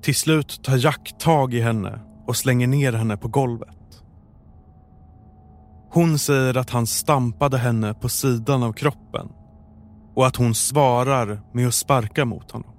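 A man narrating a true crime story in a calm, measured, scripted way. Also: medium pitch.

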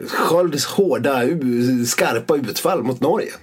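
Man, husky voice, laughing chat. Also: medium pitch. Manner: laughs often, swears casually, rambling. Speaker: podcast co-host. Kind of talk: casual chat.

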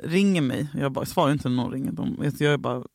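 A young man co-hosting a podcast, telling a personal story in a candid, halting way. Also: mid-range voice, gravelly, darkish tone, no echo, studio quality. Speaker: podcast co-host. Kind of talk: casual chat.

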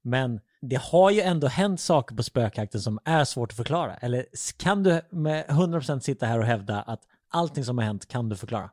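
A man's voice: medium pitch, lively intonation, few pauses, darkish tone, dry recording, clean studio sound. A man co-hosting a casual podcast, pressing the others hard for straight answers. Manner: pushy, keeps pressing others for yes-or-no answers. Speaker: podcast co-host.

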